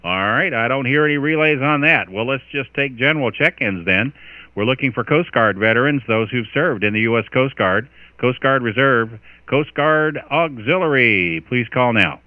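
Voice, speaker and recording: American guy running a marine radio style net, smooth clear voice, reads call signs phonetically, band-limited radio sound. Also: mid-range voice, expressive, moderate pace, no room sound, narrow, tinny audio. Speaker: net controller, amateur radio host. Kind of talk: marine radio-style ham radio net calls and casual chat.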